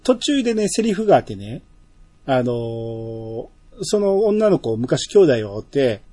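A man's voice: mid-range voice, very animated, unhurried, warm tone. A man with a Kansai accent chatting casually as podcast co-host, laughing often and stretching his fillers. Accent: Kansai Japanese. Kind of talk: casual chat.

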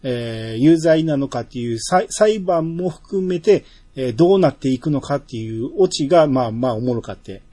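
A man's voice: medium pitch, lively intonation, moderate pace, hardly any pauses, dark tone, husky. A man with a Kansai accent chatting casually as podcast co-host, laughing often and stretching his fillers. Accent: Kansai Japanese. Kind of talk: casual chat.

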